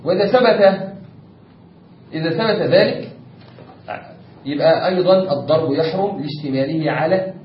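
A man's voice: fairly high pitch, normal speed, pauses often. Egyptian man lecturing in an echoey room. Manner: explains step by step, asks the class rhetorical checks. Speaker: teacher of Islamic jurisprudence. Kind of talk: classroom lecture. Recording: echoey room, distant lo-fi mic with faint noise.

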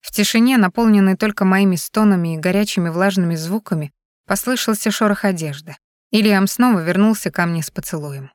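A woman narrating an erotic novel in the first person, with an unhurried, intimate reading. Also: medium pitch, dry recording, clean studio sound. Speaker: audiobook narrator.

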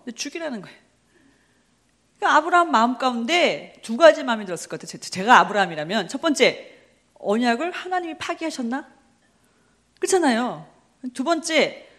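Lively, high-voiced woman preaching. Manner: animated, asks the audience questions and answers them herself; laughs often while telling stories. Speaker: missionary preacher. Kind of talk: Bible study sermon.

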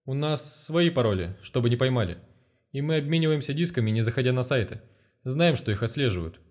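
A man's voice: animated, fairly quick, close to an everyday voice. A man playing a frightened old professor. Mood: plaintive. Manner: plaintive, defensive, higher voice. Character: frightened, pleading elderly male law professor. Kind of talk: audiobook character reading.

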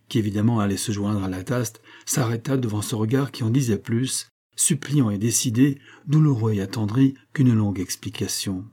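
A man reading a classic novel aloud in a measured, even narration. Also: fairly low pitch, slightly rough. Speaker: audiobook narrator. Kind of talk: literary audiobook narration.

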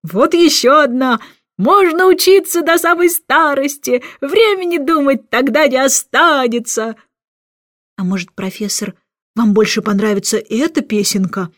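Brief: relaxed cheerful king, unhurried sing-song delivery, storybook, dry sound, by a woman reader. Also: high-pitched, no room sound, voice pushed up. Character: carefree, cheerful male king, calm.

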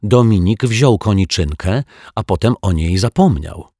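A man's voice: on the low side, animated, a little slow, mellow, slightly rough, dry recording, clean studio sound, voice pushed up, heavily acted. A man voicing a quarrelsome little girl who squabbles with her brother in a raised voice. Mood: indignant.

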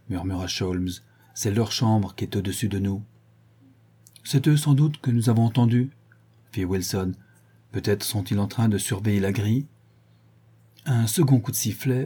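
A man's voice: fairly low pitch, warm tone, husky. A man reading a classic detective novel aloud as an audiobook, voicing the characters' lines in the telling. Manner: acts out the characters' lines, rising sharply in alarm. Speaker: audiobook narrator.

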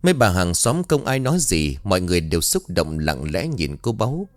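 A man tells a ghost story in a low voice that swings through a lively, wide range of pitch. His delivery is suspenseful and expressive. The sound is dry and close, with faint music under it. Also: brisk, no echo. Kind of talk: scripted ghost story narration.

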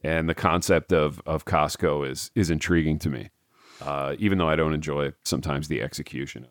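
A man co-hosting a podcast in casual chat, laid-back and drawn-out, trailing off quietly, and short on sleep. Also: very deep voice, steady tone, no room sound, clean studio sound. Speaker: podcast co-host.

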